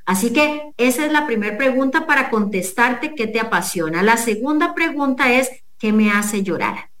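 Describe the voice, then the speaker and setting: A woman's voice: on the high side, animated, normal speed, fairly bright tone. Earnest woman coaching, echoey room. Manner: earnest, teaching with numbered questions. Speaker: guest speaker, coach and businesswoman. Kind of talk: motivational talk in an interview.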